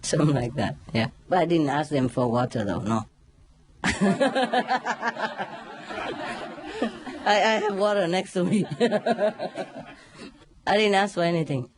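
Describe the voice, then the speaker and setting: A woman's voice: on the low side, slow pace, long pauses, noisy background. Laughing woman telling a story. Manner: laughs often, animated storytelling with sound imitations. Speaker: spiritual teacher. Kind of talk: casual spoken talk.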